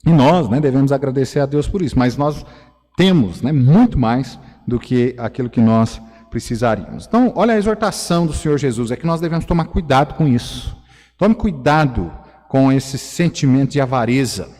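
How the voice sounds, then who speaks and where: A man's voice: medium pitch, darkish tone, in a large hall. A man preaching a sermon as a pastor, earnest and full of "né" fillers.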